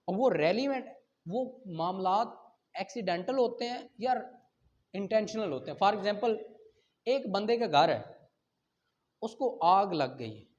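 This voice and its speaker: A law teacher with a Pakistani accent and a high-pitched, darkish voice gives an explanatory lecture, reading statutes and then explaining them. He poses rhetorical questions and checks that students follow. The recording is dull and lo-fi.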